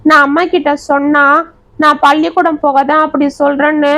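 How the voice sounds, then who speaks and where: A woman's voice: high-pitched, little pitch movement, a bit bright, pitched above the performer's own voice, rough recording. Woman doing a frightened little girl. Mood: tearful. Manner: hesitant, halting, tearful. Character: frightened, tearful young schoolgirl.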